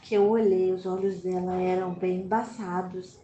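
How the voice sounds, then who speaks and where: A woman telling a true story from her own childhood in an animated, dramatic way, acting out her own past reactions. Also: lowish voice, normal speed, highs cut off. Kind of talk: animated first-person storytelling. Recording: roomy with faint background noise.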